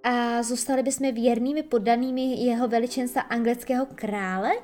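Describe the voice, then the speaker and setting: A woman's voice: a little high, fairly even intonation, darkish tone, soft background music, natural voice. A woman voicing a young boy captured by pirates who speaks with stubborn resolve. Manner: reluctant, then resolute. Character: hesitant older brother boy, captured by pirates.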